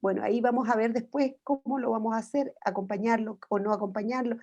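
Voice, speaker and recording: A woman's voice: a little high, fairly even intonation, fast, mellow, muffled recording. A woman, a psychologist giving an online parenting talk over a video call, explaining step by step with frequent rhetorical tag questions. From Chile.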